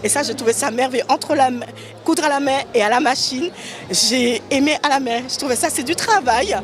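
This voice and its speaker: A woman's voice: sits high, a little fast. Rambling woman designer, fillers galore. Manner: rambling, hesitant, many fillers. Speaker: fashion designer and children's author. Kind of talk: interview at a fashion show.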